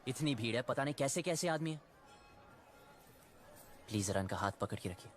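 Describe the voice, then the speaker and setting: A man's voice: mid-range voice, animated, normal speed, faint music behind, natural voice. An actor playing an earnest man who helps search for a runaway couple. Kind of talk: Hindi film acting. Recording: film audio with loud background score.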